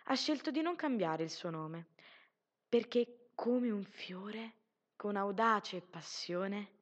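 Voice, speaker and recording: A woman narrates a story in a scripted, storybook style. Her delivery is gentle and measured, and she slows down with deliberate pauses for emphasis. Her voice sits in an ordinary middle pitch. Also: animated, lo-fi sound.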